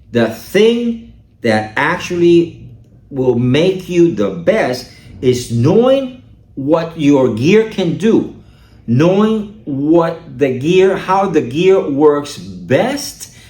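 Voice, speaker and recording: A man's voice: a little high, very animated, slow, a little mellow, reverberant. A man vlogging about his camera gear in a casual, chatty way, often asking "all right?", recorded on a camera-mounted shotgun mic. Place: outdoors or a room, filmed by his wife.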